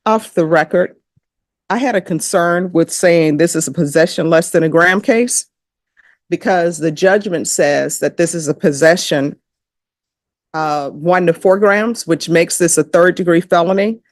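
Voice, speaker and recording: A woman's voice: lowish voice, unhurried, no room sound, studio quality. A woman judge, presiding over a court hearing in a firm, direct manner.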